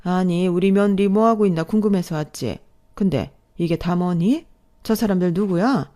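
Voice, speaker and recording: A woman playing a scornful rich mother-in-law, haughty and cutting, soft mellow voice, storybook read. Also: fairly low pitch, normal speed, close to an everyday voice. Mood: amused, mocking. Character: rich, sharp-tongued older mother-in-law. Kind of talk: storybook dialogue reading.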